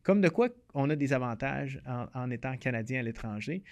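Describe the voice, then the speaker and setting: A man's voice: mid-range voice, expressive, fairly quick, no room sound. A man with a Québécois accent, casually telling a personal anecdote in a chatty way, full of "tu sais" fillers. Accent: Québécois French. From Quebec. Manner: conversational, with frequent "tu sais" and "fait que" fillers. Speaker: storyteller.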